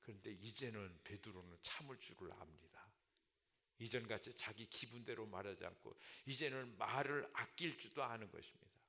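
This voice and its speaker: A man's voice: on the low side, normal speed, gravelly, sharp tone. A male pastor preaching an earnest sermon in a church, often punctuating his points with short affirmations. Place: church sanctuary.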